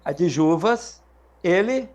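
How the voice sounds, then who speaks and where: High-voiced Brazilian man teaching Latin. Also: expressive, darkish tone. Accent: Brazilian Portuguese. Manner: patient, drills students with questions; repeats and slows words to model them. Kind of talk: live classroom lesson.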